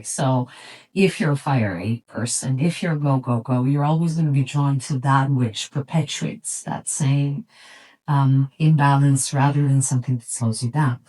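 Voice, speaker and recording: Guest: low-pitched woman, middle-aged, from Serbia, reflective and unhurried, lots of pauses. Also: darkish tone, rough recording. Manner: thoughtful, reflective, with frequent pauses and restarts. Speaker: yoga teacher and studio owner, guest. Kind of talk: relaxed conversational interview.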